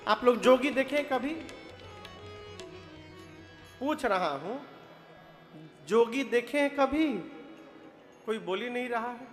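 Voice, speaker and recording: This expressive, high-voiced katha preacher from eastern Uttar Pradesh speaks slowly, quizzing the crowd with questions and answers and slipping into chanted verses during his devotional storytelling sermon. Soft music plays faintly beneath him in a reverberant hall.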